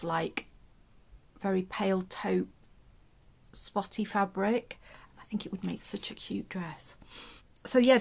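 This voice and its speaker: A woman hosting a casual sewing vlog, chatting through a magazine with joking asides and frequent restarts. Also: mid-range voice. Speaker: sewing vlogger reviewing a pattern magazine. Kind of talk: casual chat. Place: indoors at home, seated in a chair.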